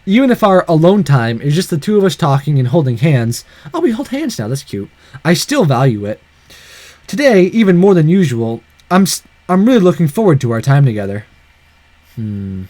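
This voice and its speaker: Lively, high-voiced man reading a game aloud. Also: normal speed, no echo. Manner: sarcastic asides, swearing. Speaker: let's play host. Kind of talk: reading a visual novel with commentary.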